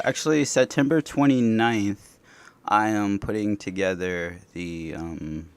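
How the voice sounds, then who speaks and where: A man's voice: fairly low pitch, slight background noise. A man in his twenties from Indianapolis, a guest in a casual conversation, rambling loosely with many fillers. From Indianapolis, United States. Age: 20s.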